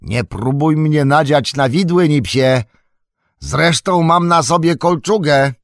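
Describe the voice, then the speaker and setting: A man's voice: mid-range voice, lively intonation, unhurried, husky, no echo, clean studio sound, pitched above the performer's own voice. A man doing an eager young hobbit servant. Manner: loud, urgent calls.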